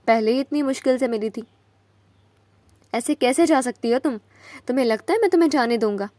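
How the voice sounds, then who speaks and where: A possessive young husband who pleads fast and forcefully, as a woman narrator voices him. The delivery is urgent and close, with a fairly high dry sound, from a spoken romance novel. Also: no room sound, close to an everyday voice. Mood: urgent pleading.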